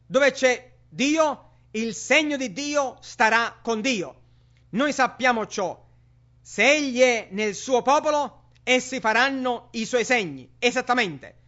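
On a dull, lo-fi sermon recording, a man with a very high, sharp voice preaches to his congregation, firing off emphatic rhetorical questions.

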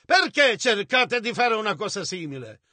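A man voices a translation of a sermon in a measured, steady delivery. His voice is very high and bright. The sound is dry and close. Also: no room sound. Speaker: interpreter.

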